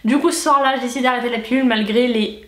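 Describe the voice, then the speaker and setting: A woman's voice: a little high, fairly even intonation, fast talker. A young woman chatting casually to viewers in a storytime vlog, with a stuffy, nasal voice and a lisp from wearing retainers. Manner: chatty, candid, slangy asides. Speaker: vlogger. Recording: echoey room.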